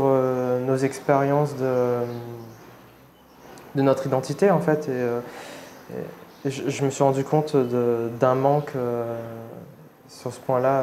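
A young man from Réunion gives a personal testimony in an interview, talking shyly and hesitantly with many pauses and restarts. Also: medium pitch, darkish tone, a little hiss or hum. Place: seated indoors against a plain wall.

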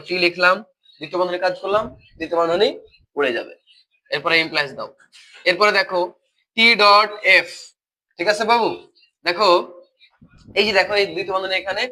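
Over a rough recording, a man with a cold and a Bangladeshi Bengali accent teaches logic in a live online class. His high voice is bright and forceful as he patiently repeats explanations and quizzes students along the way.

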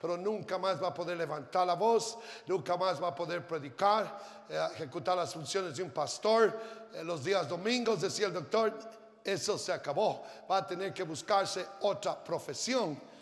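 High-voiced older pastor preaching in a hall. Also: male voice, moderate pace. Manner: swells from quiet storytelling to shouted fervent preaching. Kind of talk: sermon. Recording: reverberant hall with faint crowd and noise.

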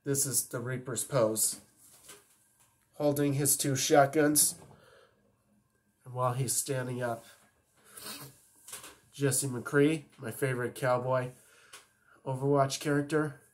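A man's voice: mid-range voice, fairly even intonation, takes it slowly, pauses often. A man chatting casually and enthusiastically as he introduces his voice impressions. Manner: enthusiastic fan talk. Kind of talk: casual chat between impressions.

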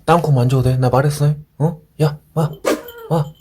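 A man's voice: a little high, steady tone, moderate pace, mellow. A man talking to his pet cat at home in a casual, teasing and playful voice. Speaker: cat owner. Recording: audible background noise.

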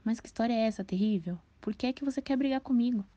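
A woman voicing a cheerful, friendly young male rooster in a storybook reading, her voice raised high and eager. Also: fast talker, dark tone, no room sound, lightly acted. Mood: puzzled. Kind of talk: audiobook character voice. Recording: dull, dry lo-fi recording.

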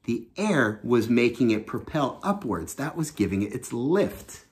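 This man in his thirties, a children's storytime teacher and host, reads a storybook aloud in a small home room and explains it simply for kids. His medium-pitched voice swings widely in pitch at a measured, expressive pace.

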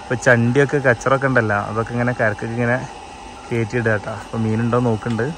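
A quick, chatty man in his thirties with a Kerala accent talks outdoors into a handheld phone camera. He explains everything to his viewers in a casual, running commentary. Faint noise sits behind his voice. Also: mid-range voice, level tone. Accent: Malayalam, Kerala. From Kerala, India. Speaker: fishing vlogger. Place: outdoors in paddy fields and a yard. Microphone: phone camera held by the speaker.

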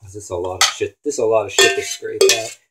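Cooking-show host, male, lowish voice, rambling and profane, noisy phone recording in a home kitchen with clattering pans. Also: fairly even intonation, quick pace. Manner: rambling, swears casually, talks to himself while working. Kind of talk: casual cooking narration.

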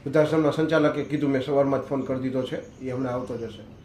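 A man's voice: mid-range voice, fairly even intonation, fast talker, a little hiss or hum. A man telling a moral story with passion, pushing hard on the key words. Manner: impassioned, rising to loud emphatic stresses. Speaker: motivational storyteller. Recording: echoey, roomy recording.

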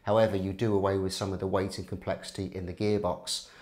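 Middle-aged male tech analyst, lower register, measured explainer to camera with filler pauses, studio lapel mic. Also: level tone, a little mellow. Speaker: motorsport technical analyst.

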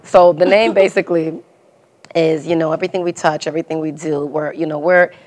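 A woman's voice: sits low, steady tone, brisk, a little mellow. A young adult woman from Congo, a salon founder, chatting in an interview on a studio couch, with lots of ums and laughs. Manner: chatty, many "um"s and "you know"s, laughs easily. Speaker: salon founder, hair stylist. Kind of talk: casual interview answers. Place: studio set with red walls and leather sofa.

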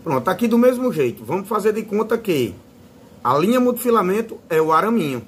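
A fishing channel host with a Northeastern Brazilian accent gives a casual, hands-on tutorial and likes to use diminutives. His high-sitting voice is slightly rough, very animated and fairly quick.

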